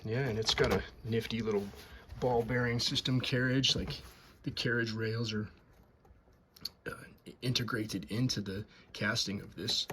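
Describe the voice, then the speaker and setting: A man's voice: on the low side, steady tone, unhurried, background noise. A man casually showing off and explaining a typewriter, rambling and repeating words with enthusiasm. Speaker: typewriter restorer. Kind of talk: casual show-and-tell.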